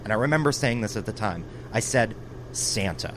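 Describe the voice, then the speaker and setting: A man's voice: on the low side, expressive, moderate pace, noisy background, lightly acted. A man playing a boastful tech entrepreneur, self-satisfied and emphatic. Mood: smug. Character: boastful male tech entrepreneur, smugly claiming credit.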